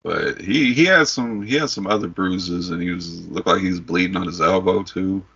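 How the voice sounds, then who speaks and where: A man's voice: deep voice, normal speed, creaky, sharp tone, slightly rough. A middle-aged man hosting a podcast, chatting casually about sports. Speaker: podcast host. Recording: dull lo-fi audio.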